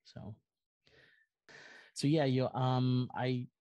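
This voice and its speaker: A middle-aged American man from California, a musician and content creator, is a podcast guest talking casually about himself, rambling earnestly and effusively. His mid-range voice is flat and extremely slow, with a dark tone. The audio has no echo, but the highs are cut off.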